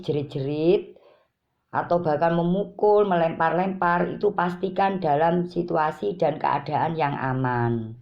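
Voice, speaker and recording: A woman giving parenting advice in a calm, repetitive way, speaking directly to her viewers. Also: lowish voice, vocal fry. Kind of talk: informal advice talk to parents. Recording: dull lo-fi recording.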